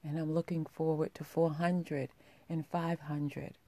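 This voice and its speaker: Deep, sultry woman podcaster, dark and mellow. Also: little pitch movement, unhurried, dry recording. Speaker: podcast host. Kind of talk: intimate podcast monologue addressed to listeners.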